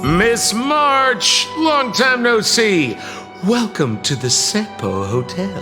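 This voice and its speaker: A man voicing a sly, showy young swindler with a smooth sales patter in a video game. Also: high-pitched, big pitch swings, big-room sound, over music, exaggerated voice. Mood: slyly smug. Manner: smooth-talking, showy, drawn-out. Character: sly, theatrical young swindler playing hotel owner.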